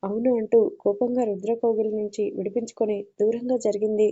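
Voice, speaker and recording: A woman reading a scripted audio story in an even, steady way. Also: mid-range voice, a little fast, slightly rough, dull audio.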